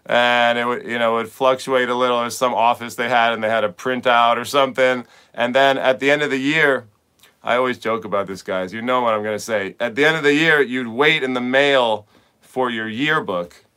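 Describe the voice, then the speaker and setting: A man's voice: medium pitch, moderate pace, bright, forceful tone, clean tone. A middle-aged man, a tennis coach hosting a podcast, talking in a casual, rambling monologue full of repeated words and "like.".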